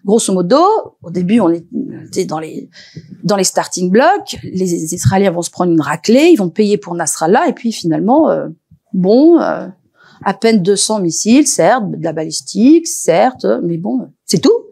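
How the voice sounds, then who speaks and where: A woman researcher speaking as an expert on a panel, lively and animated, often pausing with hesitations and restarts. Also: mid-range voice, creaky, slightly rough. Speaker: researcher and lecturer. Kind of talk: expert talk at a panel discussion.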